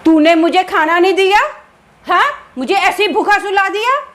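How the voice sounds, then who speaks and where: A woman voicing a possessed husband who shouts harshly at his wife. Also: very high voice, moderate pace, pitched above the performer's own voice. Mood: angry.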